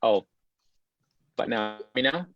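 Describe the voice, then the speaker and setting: A man who is a city politician, speaking haltingly on a video call panel while his connection keeps breaking up. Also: mid-range voice, expressive, no echo. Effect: choppy, breaking-up video call connection. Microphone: computer microphone on a video call. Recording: dull, dry lo-fi video call audio.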